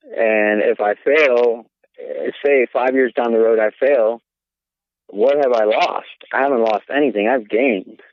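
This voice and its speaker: A man's voice: mid-range voice, unhurried, no room sound. Man from South Carolina, podcast guest, laid-back, tinny phone-like sound, dry. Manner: laid-back, says man and dude a lot. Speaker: podcast guest, business owner. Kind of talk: casual interview chat.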